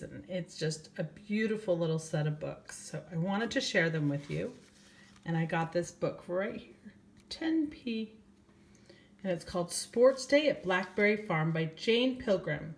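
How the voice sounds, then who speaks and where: Here a grandmother, an older woman, slowly reads a children's book aloud while directly addressing young kids with questions. Her voice is expressive and fairly low in pitch.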